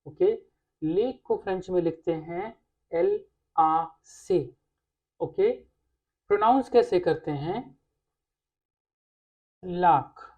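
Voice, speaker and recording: A woman teaching a language lesson, explaining patiently and pausing on "okay" between points. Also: on the low side, narrow, tinny audio. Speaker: French teacher.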